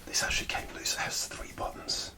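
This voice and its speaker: Here a man who makes ASMR content relates a tale in a gentle whisper, recorded up close, drifting along with frequent stops and hesitant moments.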